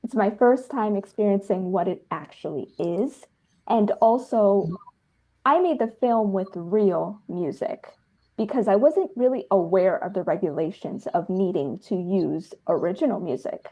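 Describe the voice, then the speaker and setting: Her mid-range voice is warm and unhurried as she gushes emphatically during a casual interview. She is a filmmaker and dancer in her 30s, from New Jersey in the United States.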